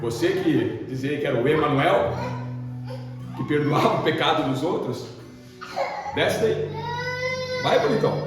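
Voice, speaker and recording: A jeering Brazilian crook taunting from the cross, his voice jumping high, as a preacher acts him out. It rings through a big echoey hall, picked up from far off. A guitar plays behind. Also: animated, measured pace, long pauses. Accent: Brazilian Portuguese. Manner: taunting, sneering slang. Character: mocking male criminal on a cross.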